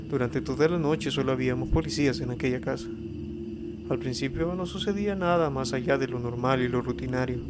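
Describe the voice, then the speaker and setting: A man narrating a horror story as scripted narration, reading in a steady, even way. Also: medium pitch, noisy background. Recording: eerie ambience under the voice. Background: spooky ambience and effects.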